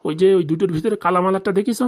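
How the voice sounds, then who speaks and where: A man's high, steady, slightly mellow voice, close to his everyday one, delivers lines very fast for a comedy cartoon. His character is an indignant, scheming forty-year-old jilted husband from a village who grumbles and swears in rustic slang.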